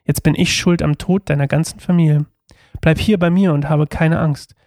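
A gentle, self-controlled young leader from a scripture reading speaks slowly and gravely, as a man voices him. His tone is reassuring. The sound is close and dry. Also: a little high, steady tone, no echo, natural voice.

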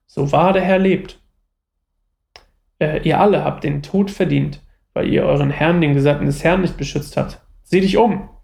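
A man's voice: on the high side, normal speed, creaky, darkish tone. A man voicing a devout young fugitive warrior, reading his lines earnestly and pleadingly.

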